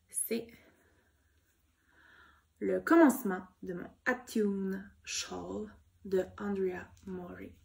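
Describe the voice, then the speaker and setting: A woman with a Québécois accent chatting casually about her knitting projects, soft-spoken and gushing, with many fillers. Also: mid-range voice, gravelly. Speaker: knitting vlogger. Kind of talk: casual show-and-tell chat.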